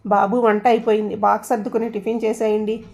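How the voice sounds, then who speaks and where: A woman voicing a kindly older mother-in-law who speaks gently and coaxingly. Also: mid-range voice, little pitch movement, quick pace, natural voice. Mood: gentle.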